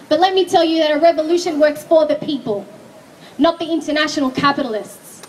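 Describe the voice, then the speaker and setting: A woman from Australia delivering an earnest, declamatory prepared speech at an outdoor street rally. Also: high-pitched. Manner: earnest, declamatory, rising to shouts. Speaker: rally speaker. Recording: distant mic, faint noise at an outdoor rally. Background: crowd and street ambience.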